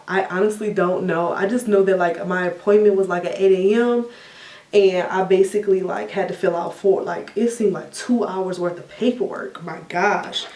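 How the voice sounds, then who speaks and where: A young woman vlogger telling a story in a casual question-and-answer chat, animated and laughing often, acting out her own reactions in a higher voice. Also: recorded from a distance. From United States. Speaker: beauty vlogger. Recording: echoey room, a bit off mic.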